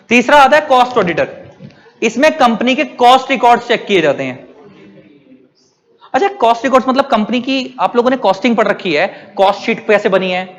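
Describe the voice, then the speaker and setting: A man's voice: high voice, in a large hall. A man teaching a class. He asks his students questions and then answers them himself. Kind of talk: classroom lecture.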